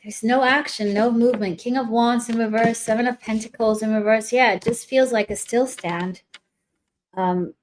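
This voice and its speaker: Woman tarot reader, slightly high voice, rambling live delivery, faint noise. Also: steady tone, normal speed. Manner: rambling, thinking aloud, trailing off. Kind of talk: casual tarot reading livestream.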